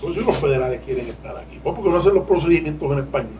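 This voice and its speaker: A man's voice: fairly high pitch, expressive, very fast, warm tone, far from the mic, slight background noise, rough recording. A man with a Puerto Rican accent, a lawyer speaking as a podcast guest, candid and digressive, laughing as he explains. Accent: Puerto Rican Spanish. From Puerto Rico. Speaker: lawyer and legal aid board president, guest. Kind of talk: podcast interview.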